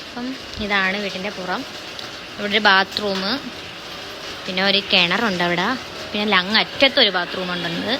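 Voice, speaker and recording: A woman's voice: medium pitch, fairly even intonation, moderate pace, long pauses. Chatty young woman, noisy phone audio. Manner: chatty, keeps addressing viewers as guys. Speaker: vlogger giving a home tour. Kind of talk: casual home-tour narration.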